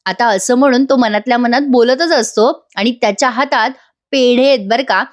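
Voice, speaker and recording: A woman narrating a voice-over recap of a TV episode. Her voice sits a little high, and she chats directly to her viewers. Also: normal speed. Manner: chatty, addresses viewers directly. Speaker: TV serial reviewer.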